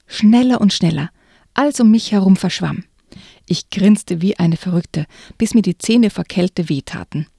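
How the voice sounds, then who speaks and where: A woman reading a children's book excerpt aloud in a hushed, often whispered way, then chatting about it. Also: medium pitch, vocal fry, breathy edge, no echo, studio quality. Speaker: reader and co-host.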